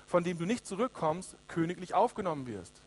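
A man's voice: sits high, very animated, a little fast, darkish tone. Sly court jester, blunt truth-teller, probing and pointed, read by a male preacher. Storybook reading within a sermon. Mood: teasing.

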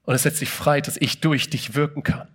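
A man's voice: fairly high pitch, fairly even intonation, brisk, fairly bright tone, breathy edge. A man preaching a sermon in a casual, emphatic way, asking his listeners many rhetorical questions and often opening a phrase with "hey".

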